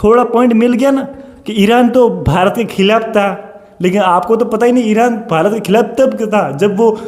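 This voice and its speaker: A man's voice: high voice, darkish tone. A man, a coaching teacher, delivering an impassioned rebuttal monologue, fiery and repetitive with sarcastic direct address. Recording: echoey room with long reverb.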